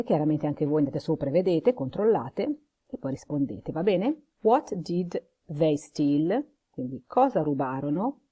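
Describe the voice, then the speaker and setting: A woman with an Italian accent teaching English in a video lesson, saying English phrases slowly and carefully and explaining them. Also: sits low, dark tone, breathy edge.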